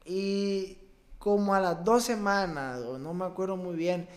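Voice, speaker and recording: A young man from Mexico, a baseball player, telling a personal story as a podcast guest, with an emotional, halting delivery and many restarts. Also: high voice. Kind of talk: casual interview storytelling.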